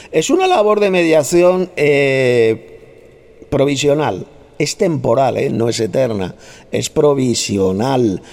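A gravelly man with a low voice teaches scripture in a combative, scolding way. He repeats his points and mocks his opponents with sharp insults. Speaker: Bible teacher. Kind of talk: heated Bible study debate.

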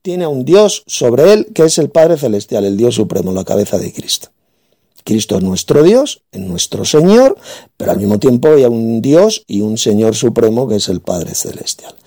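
A man's voice: medium pitch, very animated, moderate pace, mellow. A man from in a heated religious debate, combative and insulting, hammering his points home with repetition.

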